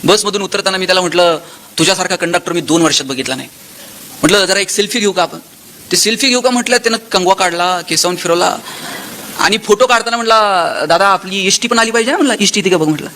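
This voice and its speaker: A motivational speaker from Maharashtra, telling anecdotes and acting out the dialogue. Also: male voice, sits high, fast talker, slight background noise. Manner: animated storyteller, acts out dialogue with shifting tone.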